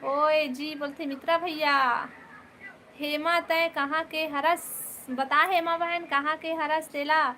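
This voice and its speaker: A woman with a Chhattisgarhi accent hosts a casual live stream, talking into her phone. She greets each viewer by name and keeps urging them not to leave. Her voice is high and bright, and she talks at a slow, easy pace. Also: little pitch movement, slight background noise. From Chhattisgarh, India.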